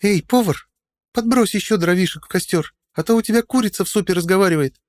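A man reading an audiobook and voicing a caustic young woman in a high, mocking voice. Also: fast talker, darkish tone, natural voice.

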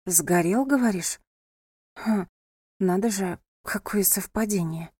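A woman voicing a calm, sensible pregnant young woman who speaks evenly with dry irony. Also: mid-range voice, slow pace, husky, no room sound. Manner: calm, wry.

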